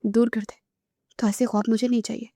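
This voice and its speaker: A woman's voice: fairly high pitch, level tone, dark tone, no echo, clean studio sound, close to an everyday voice. A woman voicing a remorseful young woman in a novel reading, pleading with a breaking voice.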